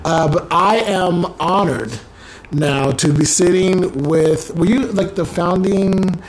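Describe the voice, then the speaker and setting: A man's voice: sits high, slow, poor audio. Rambling, playful male podcast host. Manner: rambling, filler-heavy, playful. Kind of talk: casual interview chat. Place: rental apartment.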